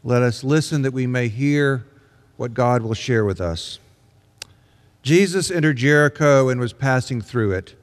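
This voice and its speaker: Older male preacher at a pulpit mic, earnest and measured, a touch high, long church reverb. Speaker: interim pastor. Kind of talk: sermon. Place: large church sanctuary, indoors. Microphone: pulpit microphone. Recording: long reverb of a large sanctuary.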